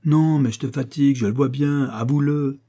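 A man's voice: medium pitch, steady tone, normal speed, mellow, voice pushed up, natural voice. A man reading aloud and voicing a bitter, despairing older bachelor in reproachful outbursts.

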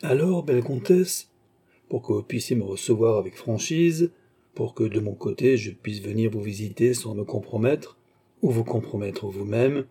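A man voicing a courtly cardinal who flatters and coaxes a countess in an audiobook. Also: lowish voice, moderate pace, breathy edge. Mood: coaxing gallant. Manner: gallant, coaxing, flattering. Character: adoring, courtly older male cardinal.

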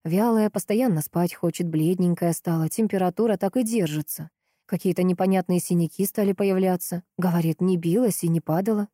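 A woman narrating an audiobook in a steady, measured storytelling manner. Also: on the low side, no room sound, studio quality. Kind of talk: scripted narration.

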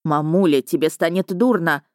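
A woman's voice: sits low, normal speed, darkish tone, no echo, clean studio sound, lightly acted. A woman narrator voicing a timid grown son who mumbles and pleads with his mother. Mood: pleading.

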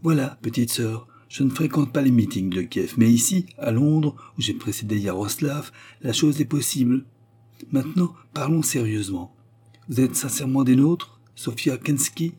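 A man voicing a domineering male conspiracy chief who talks gruffly and sneers, in an audiobook reading. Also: medium pitch, expressive, moderate pace, mellow, pitched above the performer's own voice. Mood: scheming.

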